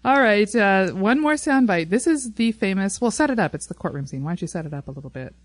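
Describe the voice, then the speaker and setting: Chatting and rambling about a TV show, a woman co-hosts a casual fan podcast in a fast, expressive, mid-range voice. The recording is dry.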